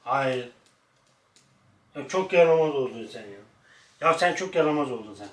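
A man's voice: medium pitch, lively intonation, moderate pace. A man vlogging at home with his dog, playfully chatting to viewers and scolding the dog in between. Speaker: pet vlogger. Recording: echoey room, mic at a distance, faint noise.

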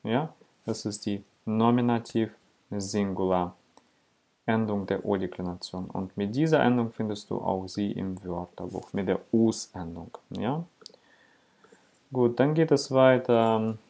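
Slow, patient man explaining grammar. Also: fairly low pitch, gravelly, warm tone. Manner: slow, patient, with frequent "ja?" checks and fillers. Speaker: Latin teacher. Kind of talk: explanatory lesson.

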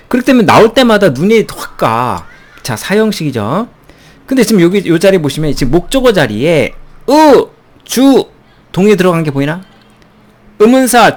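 A man gives a recorded English lesson, his voice sitting a little high and swinging widely in pitch as he jumps from explanation to exclamation. He chuckles often and drops English phrases into his teaching. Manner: animated, playful, chuckles between points, mixes English phrases into explanations. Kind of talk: recorded textbook lecture.

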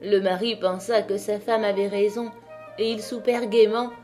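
A woman's voice: mid-range voice, normal speed, faint music behind. Woman narrating a fairy tale. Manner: clear, calm storytelling. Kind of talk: audiobook fairy tale reading.

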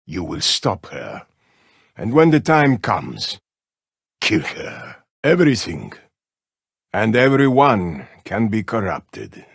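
Husky Russian colonel, Colonel Kravchenko. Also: male voice, on the low side, huge pitch swings, no room sound, studio quality, heavily acted. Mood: grave, menacing. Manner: curt, menacing, measured. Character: stern, disdainful Russian colonel, a scheming Cold War commander. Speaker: military commander giving mission orders. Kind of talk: video game character voicelines.

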